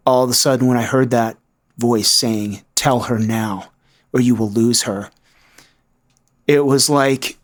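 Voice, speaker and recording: A man recounting his own story in an earnest, reflective way, as a podcast guest. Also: mid-range voice. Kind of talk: personal testimony.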